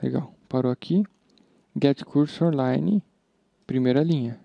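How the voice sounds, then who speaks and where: A man's voice: medium pitch, unhurried, vocal fry, no room sound. A man with a Brazilian accent teaching programming in a casual screen-recorded tutorial, chatty and informal, thinking aloud as he works. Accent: Brazilian Portuguese. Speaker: programming instructor. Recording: dull, slightly lo-fi sound.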